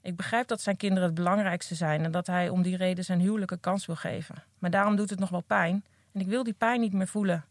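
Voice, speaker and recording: A woman's voice: on the low side, steady tone, quick pace, no room sound. Woman reading her memoir, dry sound. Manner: earnest, candid first-person reading. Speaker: recovering addict reading from her own book.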